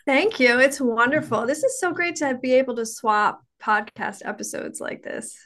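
A middle-aged woman with a raspy, hoarse voice from a cold, hosting a podcast and chatting in a rambling way. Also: high voice, lively intonation, normal speed, a bit bright. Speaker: podcast host and psychiatry professional. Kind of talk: podcast intro and interview chat.

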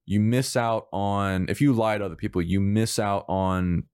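Low-voiced man in rambling casual chat. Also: moderate pace, darkish tone, clean tone, no room sound, clean studio sound. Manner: rambling, self-correcting, frank.

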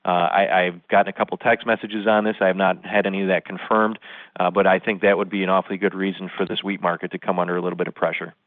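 Deep-voiced guy on the phone breaking down the markets, lots of uhs, tinny dry line. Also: level tone, quick pace, no room sound. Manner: analytical, many "uh" fillers. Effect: heard over the phone. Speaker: market analyst guest. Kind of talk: interview commentary. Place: phone call.

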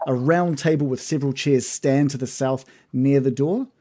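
A man running a tabletop game as game master, narrating casually in a halting, descriptive way. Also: medium pitch, warm tone.

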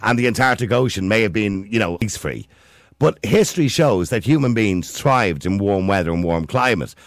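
A man's voice: on the low side, animated, normal speed, dry recording, clean studio sound. A man arguing insistently and cutting in during a heated pundit debate. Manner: argumentative, interrupting, insistent.

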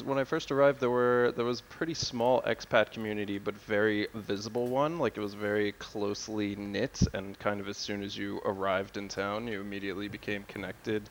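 An American man in his thirties, a guest on a travel podcast, talking in a relaxed, rambling way with many fillers. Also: on the low side, a little hiss or hum, poor audio. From United States. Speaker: guest, city guide editor. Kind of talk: casual podcast interview.

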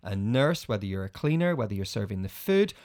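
A man's voice: fairly low pitch, sing-song, a little fast, darkish tone. A man co-hosting a family podcast, cheerfully reading out listener messages and jokes. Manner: upbeat, reads out listener messages. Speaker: podcast co-host.

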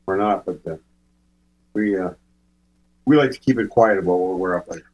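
A man's voice: sits low, moderate pace, darkish tone, lo-fi sound. A man from Michigan's Upper Peninsula chatting casually in a dry, easygoing way. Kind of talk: casual group chat.

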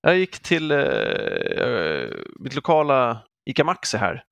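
Animated man in his forties. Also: mid-range voice, vocal fry, no room sound. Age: 40s. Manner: animated storytelling with acted quotes. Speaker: podcast co-host. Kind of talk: casual podcast chat.

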